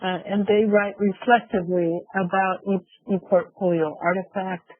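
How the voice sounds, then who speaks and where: A man lecturing as a visiting professor over a video conference call, speaking slowly with many fillers and restarts. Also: high voice, level tone, no echo. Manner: slow, halting, with many fillers. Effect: conference call audio. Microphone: computer mic on a video call. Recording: phone-like narrow call audio, dry.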